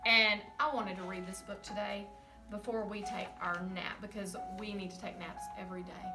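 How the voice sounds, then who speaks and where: A woman kindergarten teacher speaking from home to young children, gentle and encouraging, in a remote lesson. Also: mid-range voice, fairly even intonation, normal speed, distant mic. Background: soft music.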